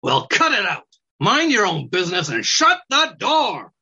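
A man's voice: high-pitched, wildly swooping pitch, measured pace, breathy edge, highs cut off, pitched above the performer's own voice, heavily acted. A man voicing a small, rude, snide male weasel who snaps and sneers with contempt. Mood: grumpy. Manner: snappy, contemptuous, shouts.

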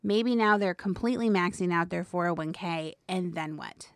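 Woman, show host, lower-pitched, conversational, explanatory, financial advice, very dry recording. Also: moderate pace, no echo. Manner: explanatory, informal.

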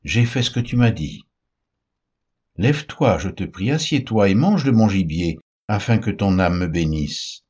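A man's voice: deep voice, very animated, measured pace, a little mellow, slightly rough, muffled recording, exaggerated voice. A man reading as an anxious deceiving son. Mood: earnest. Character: anxious younger son deceiving his father.

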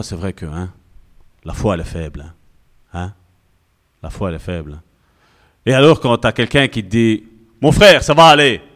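Male pastor, sermon, animated, conversational, lively pitch. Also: vocal fry. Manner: animated, conversational preaching with asides.

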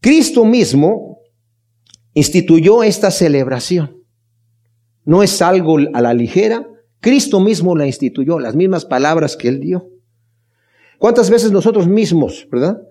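A high-pitched, warm-toned man preaches at a Bible study he leads, with lively intonation, a measured pace, and frequent pauses. Earnest and emphatic, he addresses his listeners fondly and asks them rhetorical questions.

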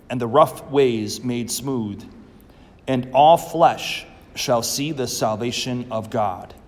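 A priest reads the Gospel and delivers a homily in a medium-pitched voice, slow, measured, and earnest. His words ring through a large church, with long, echoing reverb.

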